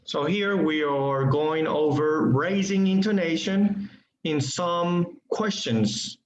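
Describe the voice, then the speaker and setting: Guy teaching english online, slow and halting, lotta ums, a bit high, muffled roomy sound. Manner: slow, hesitant, many fillers and okays. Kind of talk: online class explanation. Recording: muffled echoey room, faint noise.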